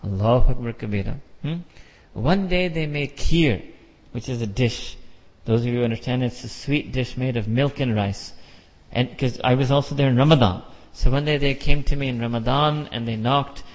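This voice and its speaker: This is a dull, lo-fi recording with a long hall echo, in which a middle-aged American imam gives a forceful sermon. He talks at normal speed in a mid-range voice, repeating phrases and posing rhetorical questions.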